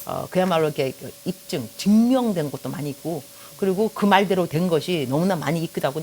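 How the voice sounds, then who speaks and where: A woman's voice: on the low side, a little hiss or hum. A middle-aged woman from Korea preaching a sermon as a pastor, telling stories with jokes and speaking straight to the congregation. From South Korea. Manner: lively storytelling, joking, addresses the audience directly.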